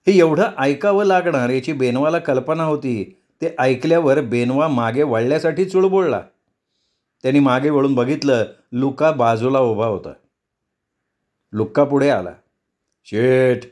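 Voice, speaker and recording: A man narrating a novel aloud in a measured, expressive storytelling voice. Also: medium pitch.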